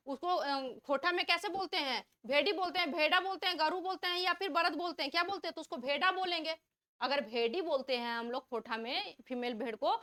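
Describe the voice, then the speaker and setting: High bright-voiced woman teacher. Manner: asks questions and repeats them before answering; reads out multiple-choice options. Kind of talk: online exam-prep vocabulary lesson.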